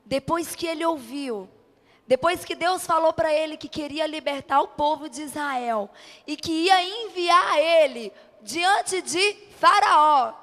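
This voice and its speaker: With a high, fairly bright voice and a Brazilian accent, a woman bishop preaches passionately and emphatically at a church youth event before a congregation. Short repeated phrases and rhetorical questions carry her sermon, which echoes with the long reverb of a big hall.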